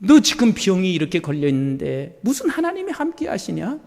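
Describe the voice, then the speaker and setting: A man's voice: high voice, wildly swooping pitch, brisk, creaky, darkish tone, big-room sound, full character voice. A man voicing Satan as a sneering male tempter who mocks the listener's faith. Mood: taunting. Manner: taunting, mocking.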